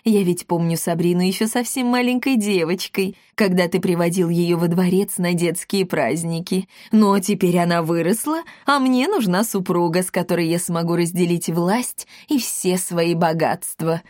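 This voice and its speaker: A woman's voice: fairly low pitch, moderate pace, hardly any pauses, a little mellow, no echo, lightly acted. Pompous vain old governor, as a woman reads him, smug, insinuating, storybook reading, dry close sound.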